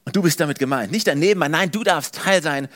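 A man preaching a sermon at a church service, emphatic and animated, with many repeated phrases. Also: a little high, quick pace. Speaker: pastor.

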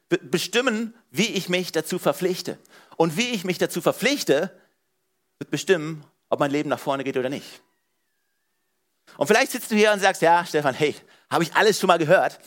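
A man's voice: on the high side, fairly bright tone. A man preaching a sermon as pastor, speaking earnestly and straight to his congregation. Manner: earnest, direct address to the congregation with repeated "hey" and "ja".

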